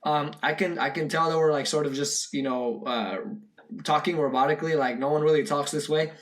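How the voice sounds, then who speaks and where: Man, young, higher pitch, casual reaction talk, rambling with fillers. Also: steady tone, fairly quick, fairly bright tone. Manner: rambling, lots of fillers and restarts. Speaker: video reactor.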